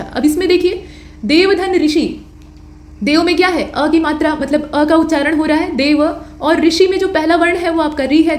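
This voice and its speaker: A woman's voice: sits high, roomy sound. A woman teaching an exam-prep grammar lecture, patiently explaining rules and answering her own questions.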